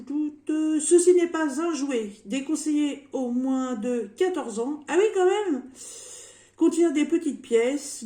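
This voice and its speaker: A woman in her fifties rambles cheerfully through a shopping haul at home, full of fillers and little jokes. Her voice sits fairly high and mellow, and she takes her time. The room sounds echoey, with a faint noise behind her. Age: 50s. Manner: rambling and jokey, with many fillers and repeated words. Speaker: vlogger showing a shopping haul. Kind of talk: casual chatty haul video.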